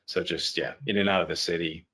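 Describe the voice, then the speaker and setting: Low-voiced young man from Haiti. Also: steady tone, brisk, pushed and bright, husky. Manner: easygoing, laughs often, repeats phrases. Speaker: actor guest. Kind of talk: casual interview chat. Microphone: video call.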